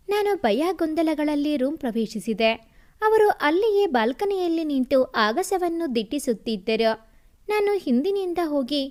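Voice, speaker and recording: A woman storyteller reading a family story aloud with expressive, emotional narration. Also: high-pitched.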